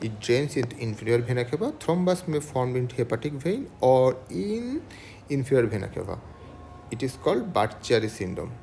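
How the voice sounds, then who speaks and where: Gravelly-voiced man lecturing. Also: medium pitch, darkish tone, a little hiss or hum. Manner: asks questions then answers, lists items. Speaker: medical lecturer. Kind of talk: clinical case lecture.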